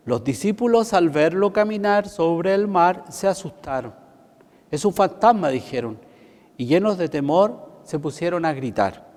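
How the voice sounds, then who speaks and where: A man's voice: on the high side, darkish tone. A male priest solemnly reads the Gospel in a church with cathedral echo. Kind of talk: solemn liturgical Gospel reading. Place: large church, amplified.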